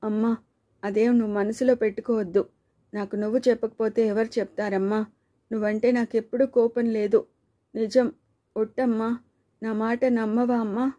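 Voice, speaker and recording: A woman voicing a caring young daughter who pleads softly and affectionately with her mother. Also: fairly high pitch, level tone, normal speed, long pauses, close to an everyday voice. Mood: reassuring.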